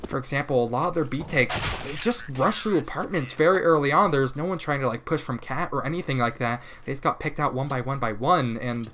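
A man casting a competitive shooter match alone, giving rapid play-by-play that jumps up in pitch and volume at big plays and corrects himself as he goes. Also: bright, forceful tone, slight background noise. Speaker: esports caster. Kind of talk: live esports play-by-play commentary.

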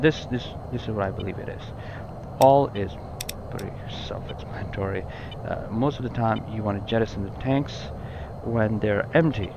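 In a lowish, creaky voice, a gaming tutorial presenter casually explains a flight simulator cockpit, repeating and rephrasing as he goes. The highs are cut off and background noise is audible.

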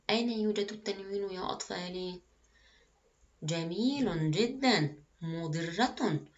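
A woman's voice: on the low side, muffled recording. Encouraging woman teaching young children. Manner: slow, clear, encouraging teacher talk with frequent praise. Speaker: primary school Arabic teacher. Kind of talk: recorded classroom lesson.

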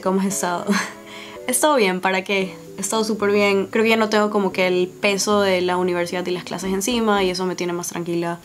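A young woman in her twenties with a Guayaquil Spanish accent, chatting casually and laughing while she answers viewer questions and does her makeup in front of a camera. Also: mid-range voice. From Ecuador. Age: 20s. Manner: chatty, laughs often, filler-heavy. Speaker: beauty YouTuber. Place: small indoor room before a dark backdrop. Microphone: camera on tripod at head-and-shoulders framing.

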